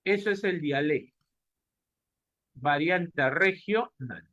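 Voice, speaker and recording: Taking things slowly, a Peruvian man with a Peruvian Spanish accent lectures his class, answering the questions he puts to them. His fairly high voice is expressive and a bit bright. The muffled recording has no echo.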